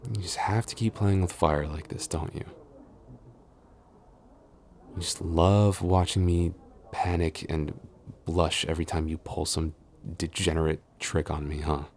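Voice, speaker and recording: This man's low-pitched, darkish voice moves at a moderate pace with a flat delivery, and there's slight background noise. He's voicing a tsundere boyfriend and office supervisor in an intimate audio roleplay, flustered and stammering, scolding with worried, chiding defensiveness and exasperation.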